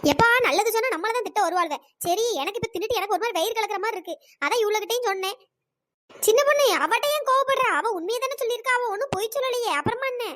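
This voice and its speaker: Squeaky, very high cartoon village women who bicker and scheme over snacks they won't pay for, all put on by one woman. They talk fast and teasing. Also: a bit bright, dry recording. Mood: quarrelsome. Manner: teasing, quarrelsome village banter. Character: group of scheming village women customers, cheeky and loud. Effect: pitched-up voice. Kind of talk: cartoon voice acting.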